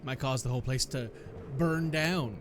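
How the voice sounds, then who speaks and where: Guy commentating his playthrough, mid pitched voice, wry understatement, game music underneath. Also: moderate pace. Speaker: let's player. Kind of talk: casual gameplay commentary.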